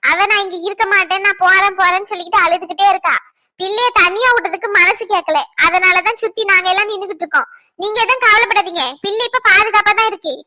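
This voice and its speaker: A woman voicing a kind young neighbor who calmly reassures a worried mother on the phone. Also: very high-pitched, fast talker, dry recording, studio quality, exaggerated voice. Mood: reassuring. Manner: soothing, reassuring. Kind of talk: Tamil cartoon dubbing.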